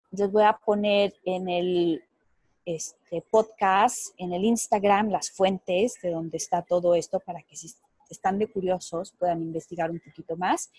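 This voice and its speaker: A woman's voice: mid-range voice, darkish tone, slightly rough, dry recording. A woman co-hosting a podcast, talking in an informative, casual way. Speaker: podcast co-host.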